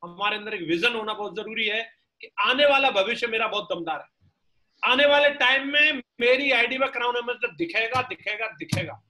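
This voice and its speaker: High, bright-voiced motivational speaker. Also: male voice, normal speed, poor audio. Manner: punchy, colloquial, peppered with slang and rhetorical questions. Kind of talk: motivational talk to a sales team.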